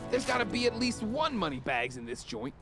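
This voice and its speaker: A man's voice: sits high, sing-song, a little fast. A man voicing a cocky, grumbling talking duck hustler in a video game, with a wisecracking salesman's patter. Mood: scheming, indignant. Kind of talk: video game character dialogue. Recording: music behind the voice.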